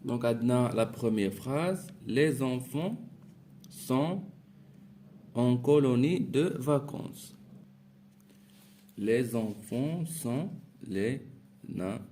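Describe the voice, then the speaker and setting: A man teaching a grammar lesson, talking slowly and repeating phrases as he walks through exercises. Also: medium pitch, lively intonation, warm tone, slight background noise. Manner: slow, repeats phrases, mixes French with Moroccan Arabic words.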